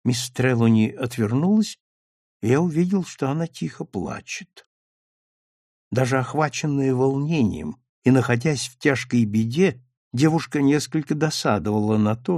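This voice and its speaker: A man narrating a story in the first person with expressive storytelling. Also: medium pitch, dry recording, studio quality. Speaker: audiobook narrator.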